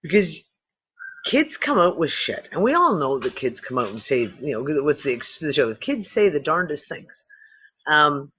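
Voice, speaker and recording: A host chatting casually on a livestream, rambling and swearing as she tells animated stories. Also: deep voice, moderate pace, highs cut off, slight background noise. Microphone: computer mic on a video call.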